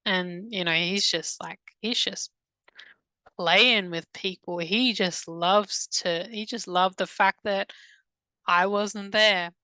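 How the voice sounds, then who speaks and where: A woman recounting a past-life regression under hypnosis, halting and hesitant, with many restarts, in a soft, subdued voice. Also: medium pitch, steady tone, smooth, dry recording, low-quality recording. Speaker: hypnosis client.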